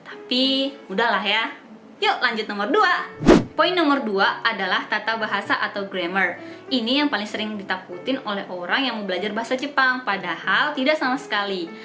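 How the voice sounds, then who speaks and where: A woman's voice: a little high, pushed and bright. A young woman whose first language is Indonesian, hosting a casual language tutorial in an upbeat, chatty way and spelling words out letter by letter. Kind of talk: casual explainer vlog. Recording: echoey room with music behind.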